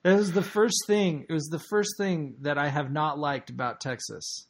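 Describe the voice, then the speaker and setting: A man's voice: a little high, normal speed. A man co-hosting a podcast, chatting casually and telling stories emphatically over a remote connection. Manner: excitable, emphatic storytelling. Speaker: podcast co-host. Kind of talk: casual chat. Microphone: remote call connection.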